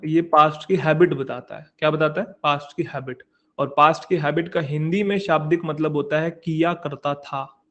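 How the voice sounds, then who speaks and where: A man with an Indian English accent giving an online exam-prep grammar lecture, explaining in Hindi and repeating key words back as questions. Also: on the high side.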